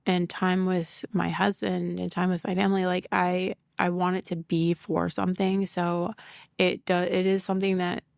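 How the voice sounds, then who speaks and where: A woman's voice: on the low side, level tone, normal speed, gravelly, darkish tone, no room sound, studio quality. A middle-aged woman hosting a podcast in casual solo talk, candid and emotional, laughing often and swearing, full of "like" fillers. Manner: emotional, confessional. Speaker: podcast host.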